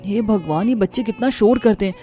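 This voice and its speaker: A woman's voice: medium pitch, a little fast, warm tone, faint music behind, lightly acted. A woman voicing a frazzled young mother and daughter-in-law in a cartoon story. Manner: exasperated.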